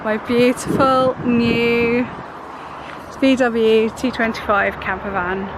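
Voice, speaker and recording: A woman, croaky from a cold, chatting rambly and casually in a camper van vlog. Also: a little high, flat delivery, slow pace. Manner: chatty, rambling, self-interrupting. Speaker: craft vlogger. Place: inside a camper van on a busy main road. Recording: traffic noise from a main road. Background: road traffic noise.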